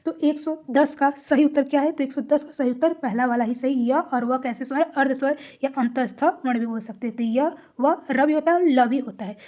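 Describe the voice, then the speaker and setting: A woman's voice: high voice, dark tone. A woman teaching an exam-prep lesson, explaining each answer step by step and repeating the key terms.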